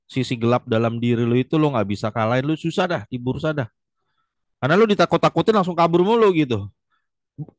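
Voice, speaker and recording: A young man talks through the market in a casual, blunt way. He lectures the viewer like a friend, mid-pitched and recorded dry with no room sound. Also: no echo. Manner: blunt, chummy, lecturing, calls the viewer John. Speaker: stock market commentator.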